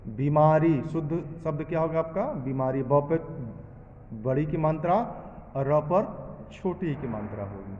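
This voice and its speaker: A man's voice: fairly high pitch, a little slow, slight background noise. A male teacher taking a class through a lesson, asking questions and answering them himself. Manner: drills students, asking and answering his own questions. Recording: echoey room with long reverb, dull sound.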